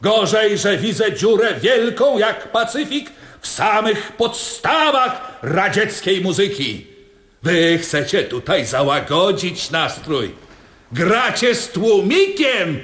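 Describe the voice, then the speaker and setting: An actor playing a stern, bombastic Soviet party official in a radio drama, with a declamatory, mocking delivery that repeats its phrases. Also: male voice, high voice, big pitch swings, slow, a bit bright, exaggerated voice. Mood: scolding. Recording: roomy echo with faint crowd.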